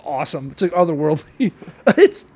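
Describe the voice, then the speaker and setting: A man in casual, profane chat, mocking a script with animated outbursts and stammered restarts. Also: high-pitched, brisk.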